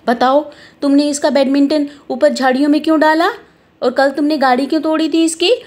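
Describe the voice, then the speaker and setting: A caring mother in a doll story, voiced by a woman, asking the children pointed questions about their fight. Her high voice is concerned but firm. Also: steady tone, fairly quick, darkish tone, natural voice.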